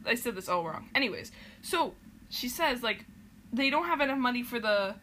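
Giggly young woman recapping, bright voice. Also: on the high side, expressive, moderate pace, slight background noise. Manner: rambling, filler-heavy, giggly. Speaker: podcast host. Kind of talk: casual chat recapping a show.

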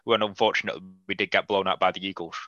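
A man with a bright, forceful voice talks football in a blunt, animated podcast chat, swearing freely. His tone sits a little low. The recording is dry and slightly dull. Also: racing, no echo. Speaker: podcast guest. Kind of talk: casual sports podcast chat.

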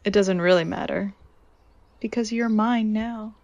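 A woman's voice: mid-range voice, fairly even intonation, unhurried, a little mellow, lightly acted. A woman playing a seductive devil disguised as a woman in a horror audio drama, knowing, persuasive and coolly in control.

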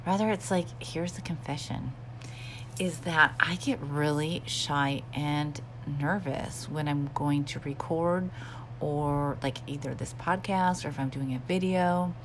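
Low-voiced, unhurried woman in a humming bathroom. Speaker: podcast host. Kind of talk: casual chatty podcast talk. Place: small bathroom at home. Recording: bathroom with steady fan hum. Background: humming bathroom fan.

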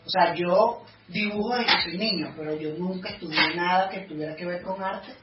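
A man co-hosts a casual talk, halting and repeating his words as he finds them. He is heard far from the mic in an echoing room. The sound is dull and lo-fi, with music underneath. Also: sits high. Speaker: co-host. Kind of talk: casual chat.

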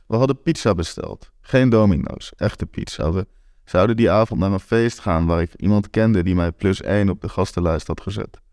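A man's voice: deep voice, moderate pace, a little mellow, no echo, studio quality. A man in his twenties reading a first-person story aloud, candid and wry. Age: 20s. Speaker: narrator.

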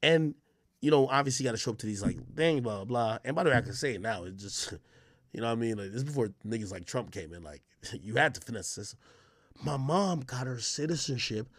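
A Jamaican man of medium pitch talks fast and with lively intonation. He hosts and comments on an unscripted reaction podcast, using brash, profane, slang-filled and emphatic casual streamer talk.

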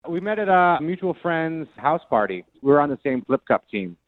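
A man's voice: a little high, big pitch swings, moderate pace, no echo. A man near thirty rambles sheepishly through his story as a caller. His voice comes down a tinny phone line. The sound is dry, with no room around it. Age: late 20s. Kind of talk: casual phone call to a radio show.

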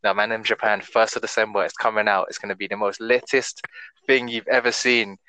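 A man's voice: lowish voice, little pitch movement, a little fast, bright, forceful tone, dry recording, rough recording. A man chatting casually in emphatic slang. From Britain.

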